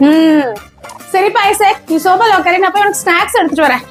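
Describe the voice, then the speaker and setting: A scolding cartoon mum, played by a woman, barks orders in an extremely high, piercing voice. Her talk is bossy and commanding, with faint music underneath. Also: brisk. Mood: chatty. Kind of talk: cartoon comedy dubbing.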